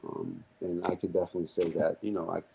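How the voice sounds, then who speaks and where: A man's voice: sits low, flat delivery, fast talker, vocal fry, dark tone, a little hiss or hum, low-quality recording. A man co-hosting a casual podcast discussion, talking hesitantly with many fillers and restarts, his voice rising and speeding up when he pushes back. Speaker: podcast co-host.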